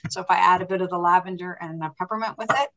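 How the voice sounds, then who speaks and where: Older woman, relaxed, easygoing, chatting over a webcam at home. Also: fairly low pitch, rapid-fire, gravelly, lo-fi sound. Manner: relaxed, easygoing, laughs lightly. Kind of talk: casual video call chat. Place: home kitchen, indoors. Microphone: laptop webcam, video call.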